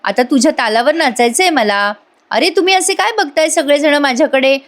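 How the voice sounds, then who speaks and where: A doting old grandmother chats fondly and coaxes everyone to eat, voiced by a woman reader. Her voice is raised and lively. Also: high-pitched, normal speed, pitched above the performer's own voice, close to an everyday voice. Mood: affectionate. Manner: affectionate, coaxing. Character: doting older grandmother, affectionate.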